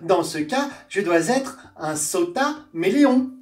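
A woman's voice: mid-range voice, lively intonation, slow. A woman voicing a naive, chattering little swamp creature looking for a friend, in a storybook reading. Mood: eager. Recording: roomy, distant mic, faint guitar.

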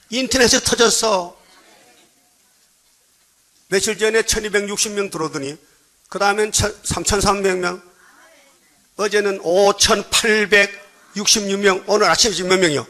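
A man with a Gyeongsang dialect preaching a sermon, reading scripture slowly, then pressing the congregation with rhetorical questions. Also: fairly high pitch, bright, forceful tone. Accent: Gyeongsang Korean dialect. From Gyeongsang Province, Korea. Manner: slow, measured cadence when reading scripture. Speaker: pastor.

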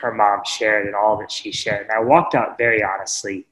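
A man telling a reflective story in a webinar talk, earnest and unhurried, with pauses and small restarts. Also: on the low side, flat delivery, a bit bright, echoey room, rough recording. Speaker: webinar speaker sharing teaching stories. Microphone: webinar microphone.

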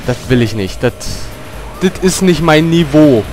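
Male let's player: higher voice, very lively swings, unhurried delivery, frustrated and cursing, yelps when hit. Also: over music. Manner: frustrated, grumbling and cursing at the game. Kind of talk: gaming commentary.

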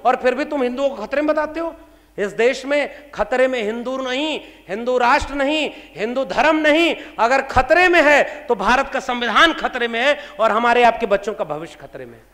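A man's voice: very high voice, fairly bright tone. A man in his thirties from India giving an impassioned political speech to an audience, fiery and rhetorical, firing pointed questions. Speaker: speaker at a public meeting. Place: large hall before an audience. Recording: reverberant hall sound.

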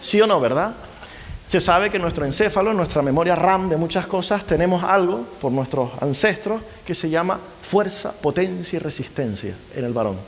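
Lively lecturer in a reverberant hall. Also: male voice, high-pitched, normal speed, a little hiss or hum. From Spain. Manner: lively, keeps asking the audience rhetorical questions. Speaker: university lecturer. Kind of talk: conference lecture to a live audience.

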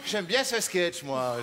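A man from Switzerland with a Swiss French accent doing deadpan stand-up on a large theater stage, hesitating and filling pauses as he talks. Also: a little high. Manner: deadpan, hesitant, many fillers. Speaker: stand-up comedian. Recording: live hall with reverb and noise.

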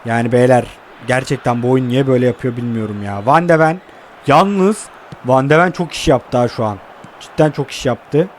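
A young man giving excitable live commentary while playing a mobile football game, groaning and cursing at it. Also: mid-range voice, moderate pace, a little hiss or hum.

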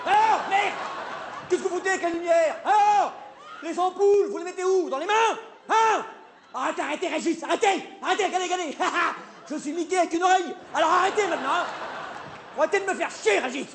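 A man playing a flustered, stammering male theatre director in a live comedy sketch, hesitating and then bursting into shouts. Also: very high-pitched, lively intonation, normal speed, a faint crowd. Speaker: comic stage performer. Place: theatre stage with live audience. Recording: live stage recording, audience noise.

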